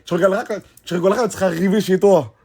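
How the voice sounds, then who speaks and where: A man's voice: high voice, steady tone, rapid-fire, darkish tone, slightly rough. A man with a Marseille French accent, talking in casual slangy chat and teasing a friend with mock warnings. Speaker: vlogger.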